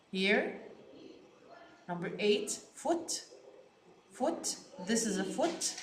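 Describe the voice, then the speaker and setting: Very slow Egyptian woman teaching English. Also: mid-range voice, roomy sound, slight background noise. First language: Arabic. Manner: repeats each word slowly and stresses it. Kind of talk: slow classroom vocabulary lesson.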